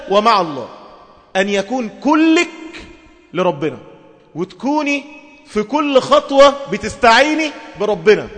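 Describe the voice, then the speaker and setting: A man's voice: high voice, a bit bright, big-room sound. A man preaching a sermon to women in an Egyptian Arabic accent, emphatic and full of rhetorical questions.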